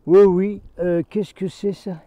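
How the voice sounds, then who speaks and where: A man's voice: high-pitched, level tone, slow pace, no room sound, narrow, tinny audio. Ranting man in a mountain vlog. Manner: sarcastic, ranting, breaks into mock English. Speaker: vlogger. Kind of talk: rambling outdoor political vlog. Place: outdoors at a mountain pass.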